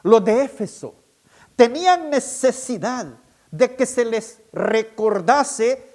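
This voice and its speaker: A man preaching a sermon, emphatic and deliberate, repeating his key points slowly for the congregation. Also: extremely high pitch, lively intonation, darkish tone. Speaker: pastor.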